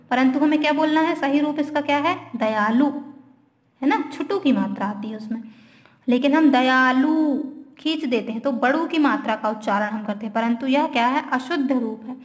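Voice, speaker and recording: A woman teacher with an Indian accent, giving a grammar lesson to young students, asking questions and answering them herself and saying words over slowly. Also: high-pitched. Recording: echoey room.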